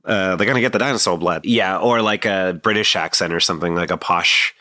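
A man's voice: sits low, a little fast, bright, forceful tone, dry recording, studio quality. A man in his thirties hosting a casual podcast, rambling with plenty of fillers and restarts. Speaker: podcast host.

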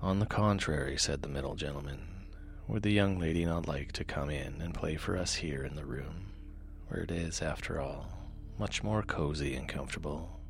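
A man narrating sleep stories in a soft, soothing, hushed manner that often trails into a near-whisper, close to the microphone. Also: moderate pace. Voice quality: soft, low, gravelly. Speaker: host and narrator of a sleep story podcast. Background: music.

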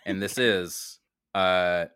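A man's voice: low-pitched, fairly even intonation, very slow, a bit bright, clean tone, no room sound, studio quality. A man co-hosting a casual comedic podcast, joking around while he runs a quiz game for his guests. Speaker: podcast co-host and quizmaster.

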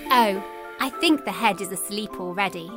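A woman's voice: medium pitch, expressive, moderate pace, music in the background. A woman hosting a children's story podcast, narrating a scripted tale as storyteller.

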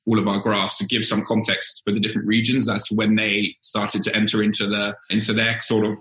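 A man with a fairly low voice explains charts in a steady, methodical way, restarting phrases as he goes. His tone is bright and forceful. The recording sounds echoey, like a bare room. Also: a little fast. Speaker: senior data scientist presenting a dashboard. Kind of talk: explaining data in a casual work chat.

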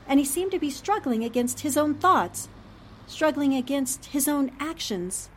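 Playing an earnest newspaperwoman in an old-time radio drama, a woman speaks in a fairly high voice with lively intonation, reasoning carefully. Shaken but determined, she comes across as troubled and pondering, with a faint rumble beneath.

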